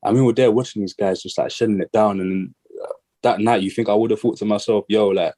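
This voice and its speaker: A man talks about his music in a loose, rambling way, full of "like" and restarts. His voice is very low and mellow, with little rise and fall. He sounds a bit out of breath. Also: fast talker. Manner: relaxed, rambling, lots of "like" fillers. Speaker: guest artist and musician. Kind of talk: casual interview chat.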